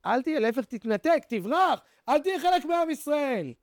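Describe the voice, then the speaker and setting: A man playing a worried mom pleading urgently, highish voice. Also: expressive, no echo, clean studio sound. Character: anxious older mother, pleading.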